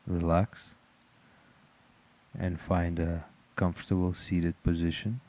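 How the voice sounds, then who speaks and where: A man with a very deep voice leads a meditation, giving calm, measured instructions very slowly. His tone stays remarkably even, hardly rising or falling.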